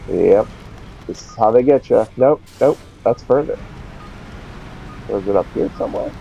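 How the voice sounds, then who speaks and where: Gravelly low guy rambling to himself while streaming a game, muffled lo-fi audio. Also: measured pace, mellow, faint music behind. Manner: rambling, talks to himself as he plays. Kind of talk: casual live gameplay commentary.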